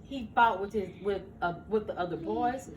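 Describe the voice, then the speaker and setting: Reading an animated bedtime story to her grandchildren, this older woman occasionally stumbles and corrects herself. She speaks at medium pitch and a moderate pace, recorded at home in a roomy, noisy space far from the mic.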